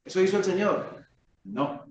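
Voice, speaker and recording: A Colombian man preaches with a high, unhurried voice, asking rhetorical questions and acting out cries for help. He sounds heavily echoey in a church hall. The recording is dull with faint ambience. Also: sing-song, far from the mic. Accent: Colombian Spanish. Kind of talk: sermon.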